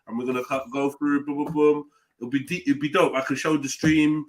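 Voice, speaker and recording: A young man chatting excitedly and joking with slang, heard over a group voice chat on the internet. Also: on the high side, brisk, rough recording. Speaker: panel member. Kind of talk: casual chat.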